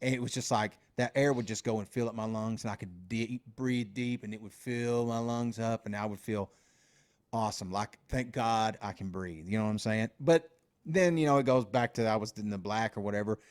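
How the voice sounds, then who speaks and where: A man's voice: fairly low pitch, a little fast, a little mellow. A man co-hosting a podcast, telling a long story in loose casual talk full of fillers, repeats and swearing. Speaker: podcast co-host.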